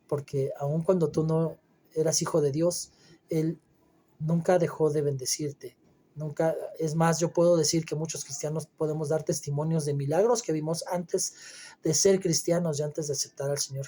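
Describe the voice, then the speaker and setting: Man preaching, husky and dark. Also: fairly high pitch. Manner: emphatic, conversational preaching with frequent fillers and restarts. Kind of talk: Bible reading and commentary sermon.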